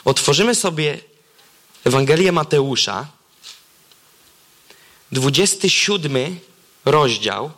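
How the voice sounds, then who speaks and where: High, bright-voiced dramatic preacher man. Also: slow pace, pauses often. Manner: dramatic swings between high excited and low hushed delivery; exclaims wow and reads scripture aloud. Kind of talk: sermon.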